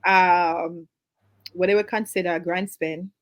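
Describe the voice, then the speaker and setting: A Jamaican woman with a Jamaican accent is a guest in a casual interview, laughing easily and trailing off into fillers. Her voice is on the low side, steady and unhurried, with no echo.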